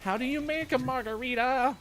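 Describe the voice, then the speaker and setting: A man's voice: very high voice, fairly quick. A man hosting a live morning stream show, talking through a robot voice filter in playful, jokey banter.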